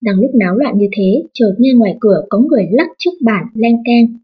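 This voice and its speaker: Husky woman narrating a storybook. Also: on the high side, expressive, fairly quick. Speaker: audiobook narrator. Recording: dull lo-fi audiobook audio.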